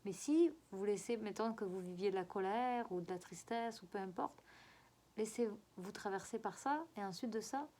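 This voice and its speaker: Halting, coaxing woman giving spiritual guidance. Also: mid-range voice, mellow. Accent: regional French accent. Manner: coaxing and repetitive, often halting to search for words. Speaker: spiritual guide giving a card reading.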